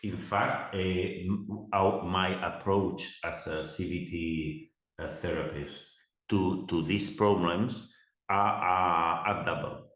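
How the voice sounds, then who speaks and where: A middle-aged man speaking English as a second language in a conversational interview, halting and repeating words as if translating in his head. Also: low-pitched, steady tone, fairly bright tone. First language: not English. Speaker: interviewer and CBT therapist. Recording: echoey room sound.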